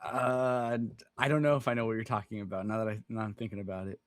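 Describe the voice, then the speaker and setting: A young man co-hosting a podcast, laid-back in casual chat, swearing freely and tossing in quick reactions. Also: lowish voice, level tone, dry recording, studio quality. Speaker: podcast co-host.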